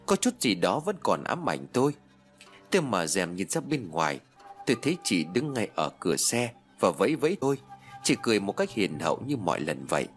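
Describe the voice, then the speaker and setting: A man telling a first-person ghost story as narration, reading with emotion and heart. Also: on the low side. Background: faint music.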